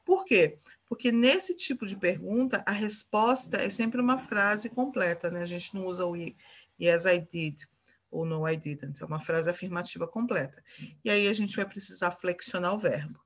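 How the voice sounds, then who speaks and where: A woman's voice: fairly low pitch, normal speed. A Brazilian woman teaching an English grammar lesson, patiently repeating example phrases and checking in with her students.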